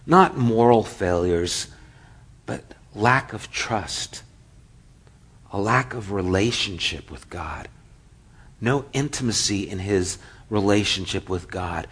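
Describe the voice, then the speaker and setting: A man preaching a sermon as a pastor, telling a story with lively acted-out quotes and drops to a hushed, near-whispered voice. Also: lowish voice, takes it slowly, long pauses, slightly rough.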